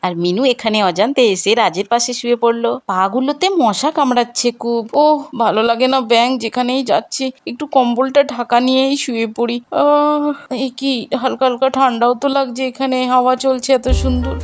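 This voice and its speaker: A woman narrating a doll story and voicing every character in turn, in a lively way. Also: on the high side, brisk, hardly any pauses, dry recording. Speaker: narrator voicing all dolls. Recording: background music under the voice.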